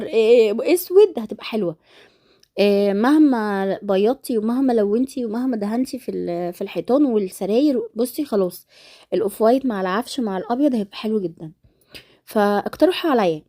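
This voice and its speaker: A woman's voice: on the high side, warm tone. A middle-aged woman with an Egyptian Arabic accent, congested and nasal, chatting casually and ramblingly to her followers in a vlog voice-over. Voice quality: congested, nasal from a blocked nose. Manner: rambling, familiar address to followers. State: stuffed-up nose and throat. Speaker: vlogger.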